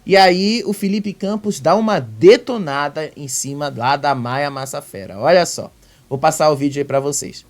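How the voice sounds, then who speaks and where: A man's voice: fairly high pitch, moderate pace. A man hosting a celebrity gossip channel, talking in a chatty, emphatic commentary style. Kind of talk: casual commentary.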